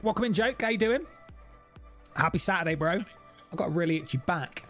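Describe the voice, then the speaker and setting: A man's voice: high-pitched, expressive, a little fast, a bit bright, faint music behind. A man livestreaming a game, chatting casually with viewers, joking and swearing. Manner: jokey, greets chatters by name, swears. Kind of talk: casual gaming stream chat.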